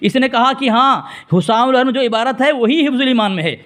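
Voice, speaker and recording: A man with a strikingly high voice argues hard in a religious debate. He shouts down interruptions, keeps turning to the listeners, and reads quoted passages slowly and deliberately. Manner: combative, talks over interruptions, addresses listeners directly.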